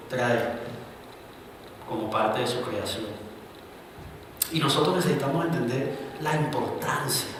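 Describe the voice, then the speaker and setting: A man preaching a sermon as pastor, swinging between loud emphatic bursts and quiet asides. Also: medium pitch, slight background noise. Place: church hall. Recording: roomy, reverberant church recording from a distance.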